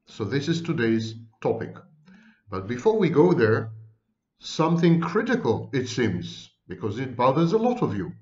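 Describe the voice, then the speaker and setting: A man with a thick foreign accent, lecturing on psychology in an emphatic way, stacking word after word with long pauses. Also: mid-range voice, very animated, darkish tone, reverberant, highs cut off. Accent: foreign accent, non-native English. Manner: emphatic, lists words one by one with long pauses. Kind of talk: lecture to camera.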